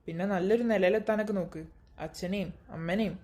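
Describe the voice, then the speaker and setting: A woman voicing a gentle, consoling young man in an animated cartoon, speaking in a soft, reassuring, affectionate way. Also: mid-range voice, quick pace, lightly acted. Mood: advising.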